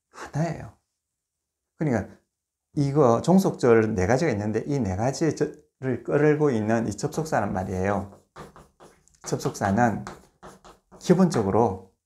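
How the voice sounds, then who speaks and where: A man giving a recorded grammar lecture, explaining step by step, posing rhetorical questions, and slowing down to spell out examples. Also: medium pitch, expressive, dark tone. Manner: slows to spell out words and examples.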